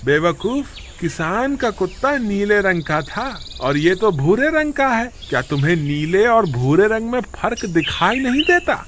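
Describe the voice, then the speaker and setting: Brief: a man as sly cartoon village crooks, wheedling, slightly high voice. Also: a little slow, few pauses, a little hiss or hum, exaggerated voice. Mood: scheming. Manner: wheedling and excitable. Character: two scheming male village tricksters.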